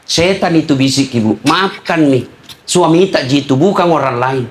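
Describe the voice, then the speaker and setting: High, lively Makassar-accented male preacher. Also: moderate pace, slight background noise. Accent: Makassar Indonesian. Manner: jokey, acts out dialogue in changed voices. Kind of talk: humorous sermon.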